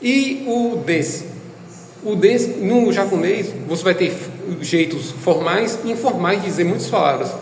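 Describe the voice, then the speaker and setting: A man's voice: high-pitched, expressive, unhurried, echoey room, in a large hall, a little hiss or hum, rough recording. A man giving a casual video lesson on Japanese, explaining step by step with hesitant fillers. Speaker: Japanese language teacher.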